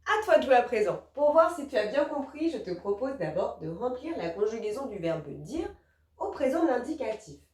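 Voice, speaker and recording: A woman teacher patiently explaining a grammar lesson to young children, gentle and encouraging, spelling out letters one by one. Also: fairly high pitch, sing-song, moderate pace, echoey room, recorded from a distance.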